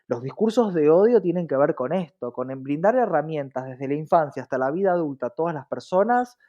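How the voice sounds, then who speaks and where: Speaking fairly quickly and with animation, a man with a slightly high voice and an Argentine Spanish accent explains things as an interview guest. He is a diversity advocate whose emphatic, articulate style includes frequent rhetorical checks, heard through dull, muffled lo-fi audio.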